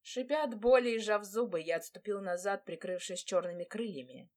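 A woman reading a first-person fantasy romance audiobook in a measured, dramatic way. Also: mid-range voice, animated, darkish tone. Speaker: audiobook narrator.

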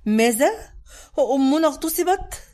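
A woman reading the lines of a defiant young daughter in a dramatic audiobook, urgent and forceful. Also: fairly high pitch, lively intonation, brisk.

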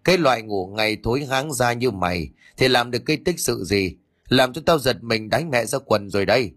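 A man's voice: medium pitch, expressive, a little fast, fairly bright tone. A man voicing a foul-mouthed, bossy elderly mother-in-law who scolds coarsely in a storybook tale. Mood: scolding.

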